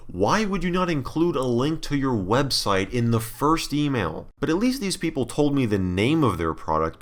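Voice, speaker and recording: Casual male YouTuber, lowish voice with lively intonation, reading out messages in sarcastic disbelief. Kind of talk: casual comedic commentary, reading emails aloud.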